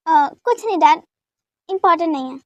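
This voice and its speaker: A woman voicing an anxious, caring young woman who is quick to anger, with a pleading, emotional manner, in a fan dub drama. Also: very high-pitched, animated, fairly bright tone, no echo, muffled recording. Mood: worried.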